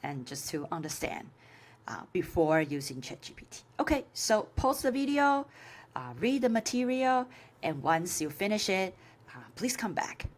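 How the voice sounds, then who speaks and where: A woman course instructor, Chinese by first language and accent, gives an informal tutorial while sharing her screen. Her mid-range voice has a sing-song lilt, and her delivery halts frequently amid filler sounds.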